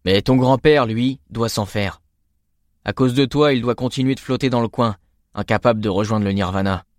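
Male narrator voicing a self-assured teen boy, blunt yet caring, lifted a bit higher, storybook read in a dry booth. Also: normal speed, no echo, natural voice. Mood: frank. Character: confident friendly male high school student.

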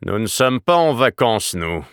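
A man's voice: medium pitch, big pitch swings, measured pace, clear, resonant tone, dry recording, clean studio sound. A male reader doing a curt, sarcastic father. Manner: curt, cutting delivery. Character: stern, sarcastic older father. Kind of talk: audiobook character voice.

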